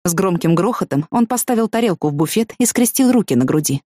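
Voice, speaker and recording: A woman narrating a first-person story in a measured storytelling manner. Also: lowish voice, animated, dark tone, dry recording, clean studio sound. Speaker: audiobook narrator.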